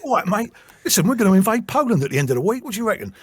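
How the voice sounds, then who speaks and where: A man's voice: high voice, sing-song, rapid-fire, husky, voice pushed up, exaggerated voice. A man putting on a breezy Cockney dictator. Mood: jokey. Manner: jokey, offhand. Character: breezy, matey Cockney-talking male dictator.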